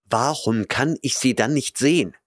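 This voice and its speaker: A man's voice: medium pitch, measured pace, no echo, studio quality, voice pushed up, lightly acted. A man voicing a desperate, lovesick young man in an audiobook, speaking in an agitated, pleading way.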